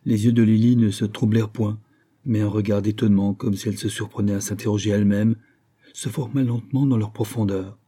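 A man narrating a classic novel as an audiobook, reading in a measured, even manner. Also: lowish voice, slightly rough. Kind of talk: scripted literary narration.

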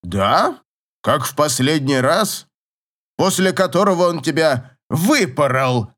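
A man voicing a gruff, teasing old professor in an audiobook, grumbling and chuckling in a slow drawl. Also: a little high, lively intonation, a bit bright, heavily acted. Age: older.

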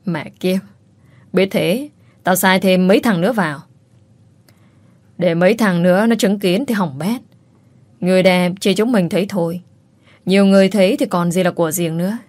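A woman's voice: on the low side, moderate pace, long pauses, darkish tone, no room sound, natural voice. A woman voicing a bossy, lecherous man in his sixties who scolds and threatens in a storybook tale. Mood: gruff. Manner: gruff, scolding, leering.

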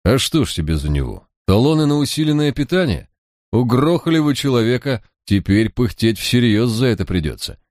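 A man's voice: medium pitch, very animated, a little fast, a little mellow, no room sound, studio quality, pitched above the performer's own voice, lightly acted. A man playing a cocky, shrewd detective. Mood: coaxing mockery. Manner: mocking, coaxing, drawling.

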